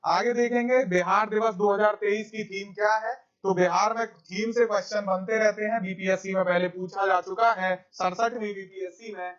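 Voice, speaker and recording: A man's voice: high-pitched, steady tone, normal speed, hardly any pauses, fairly bright tone, highs cut off. A man giving a current affairs exam lecture over slides, repeating key facts and calling his viewers friends. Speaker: exam coaching teacher.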